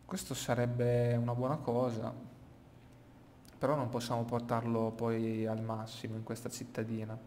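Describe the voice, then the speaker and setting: A man's voice: medium pitch, completely flat delivery, normal speed, a little mellow. A man giving casual gameplay commentary, thinking aloud, recorded in a small, bare, echoey room. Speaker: gaming YouTuber. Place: small room emptied of furniture, indoors. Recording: echoey small empty room, clear background noise.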